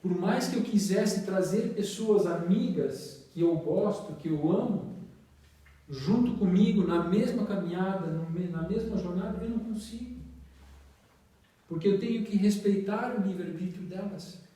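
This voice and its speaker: Slow, dark-voiced Brazilian man lecturing. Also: high voice, heavy reverb, distant mic, low-quality recording. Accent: Brazilian Portuguese. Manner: slow, measured, trailing off at phrase ends. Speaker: spiritist study leader. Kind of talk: slow spiritist study talk.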